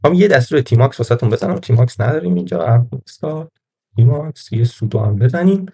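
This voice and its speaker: A man's voice: mid-range voice, animated, gravelly, mellow, husky. A man giving a casual screen-recorded Linux tutorial, thinking aloud and correcting himself as he goes. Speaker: Linux course instructor.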